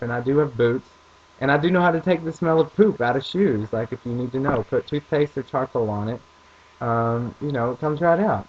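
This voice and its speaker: A man's voice: medium pitch, muffled recording. A young man with a rural American accent, telling rambling self-deprecating stories in a casual vlog. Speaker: vlogger.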